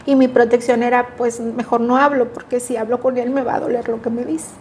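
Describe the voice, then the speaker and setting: Middle-aged woman, interview guest, earnest and reflective, slightly high voice. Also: flat delivery, fairly quick, darkish tone, a little hiss or hum. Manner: earnest, reflective, acts out remembered dialogue. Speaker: guest sharing a personal story. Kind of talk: emotional personal testimony.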